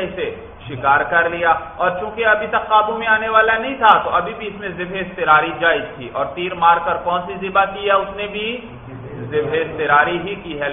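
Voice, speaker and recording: A man's voice: a little high, a little hiss or hum. A man teaching Islamic law in a lecture, reading Arabic text and explaining it step by step, often asking questions and answering them himself. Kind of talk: classroom lecture. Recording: tinny phone-like echoey room.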